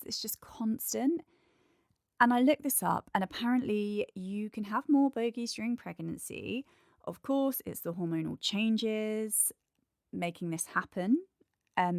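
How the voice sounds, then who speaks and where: A congested, nasal-voiced woman hosts a candid, chatty solo podcast, going through a numbered list point by point. Her pitch is medium with some vocal fry, and the recording is clean studio audio with no room sound.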